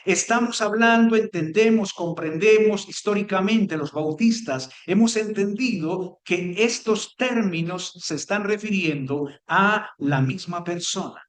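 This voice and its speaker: A man teaching a sermon as pastor, emphatic, stressing key words one by one with pauses. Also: sits high. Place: church hall. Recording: echoey church hall.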